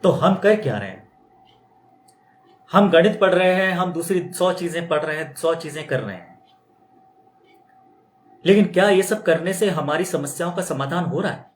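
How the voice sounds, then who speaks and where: High-voiced man talking in a roomy space. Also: normal speed, long pauses. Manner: conversational, rhetorical questions. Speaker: spiritual teacher. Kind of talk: extempore spoken talk. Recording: roomy echo.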